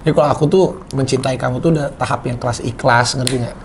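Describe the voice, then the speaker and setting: A co-host in his thirties, with a mid-range voice and a quick pace, chats casually, playful and laughing. He explains his points through made-up everyday examples. There's a little hiss or hum in the background.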